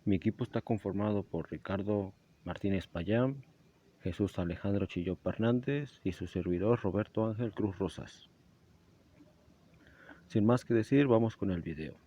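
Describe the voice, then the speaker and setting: A young man with a low, mellow voice walks through a school lesson, explaining steps plainly and stumbling now and then before correcting himself. The recording is dull and lo-fi. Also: moderate pace. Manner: explanatory, with small slips and self-corrections. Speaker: student presenter. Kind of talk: school presentation narration.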